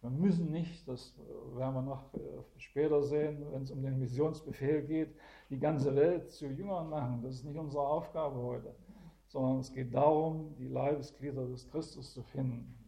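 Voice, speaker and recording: Guy going through bible verses w a small group, keeps saying gell, really dark mellow tone. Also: medium pitch, fairly even intonation, moderate pace, vocal fry. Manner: explains verse by verse, often adds "gell?". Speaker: preacher.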